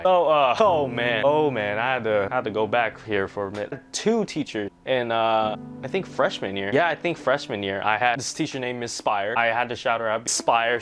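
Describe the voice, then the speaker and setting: A man's voice: medium pitch, a bit bright. A young man in a casual vlog, rambling through questions and school stories and tagging his sentences with "right?". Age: young adult. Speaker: vlogger.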